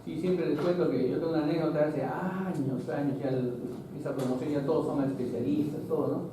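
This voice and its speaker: Man, fairly high voice, classroom lecture, explanatory, checks in with students, very echoey room, distant mic, noisy. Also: fairly even intonation, a little fast. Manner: explanatory, keeps checking in with "¿no es cierto?". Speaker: biology teacher.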